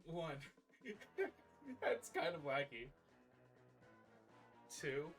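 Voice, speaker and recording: A man's voice: a little high, big pitch swings, very slow, faint music behind. A man streaming live, chatting casually and counting his exercise reps aloud while catching his breath.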